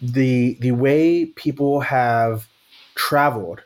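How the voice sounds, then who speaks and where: This man from Texas has a mid-range voice and speaks slowly. He chats in a thoughtful way, frequently starting sentences over and tossing in "right?" along the way.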